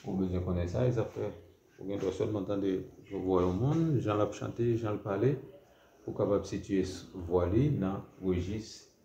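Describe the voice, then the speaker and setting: A deep, gravelly man with a Haitian accent teaches a music lesson, going over each point again and again and checking in with "ok?". His dark voice comes through a roomy, dull lo-fi recording with faint noise behind it. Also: normal speed. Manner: repetitive, checks in with "ok?". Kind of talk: classroom lesson.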